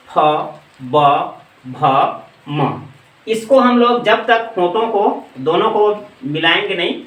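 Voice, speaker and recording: A man teaching a grammar lesson, asking questions and answering them himself, and reciting letters slowly one by one. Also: high voice, fairly bright tone, far from the mic. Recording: echoey room, voice off-mic.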